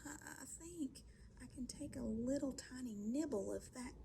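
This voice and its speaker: A hesitant little boy ghost, put on by a woman whispers about taking just one nibble in whispered role-play. His soft, slightly high whisper comes with background noise. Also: normal speed, gravelly. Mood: hopeful.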